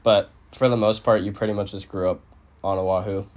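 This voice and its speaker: A man's voice: lowish voice, level tone, fairly quick, a little hiss or hum. A man in his twenties hosting a campus interview show and asking his guest questions in an easygoing, plain-spoken way. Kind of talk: casual interview. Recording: loud music behind the voice.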